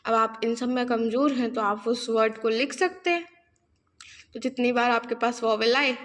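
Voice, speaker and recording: High-voiced young woman tutoring casually. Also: a bit bright. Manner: explains step by step, mixing English terms, checks with "ठीक है". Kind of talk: casual exam-prep lesson.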